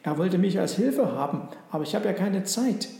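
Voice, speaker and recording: Guy doing generous dad josef, friendly, bit higher than usual, roomy sound. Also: sing-song, moderate pace, gravelly, dark tone, exaggerated voice. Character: kind, generous male carpenter Josef. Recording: roomy echo.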